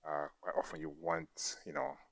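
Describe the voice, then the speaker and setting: A man's voice: sits low, big pitch swings, normal speed, creaky, a bit bright, no echo. A man hosting a podcast, chatting casually in an easygoing way with rambling asides. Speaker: podcast host. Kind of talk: casual chat.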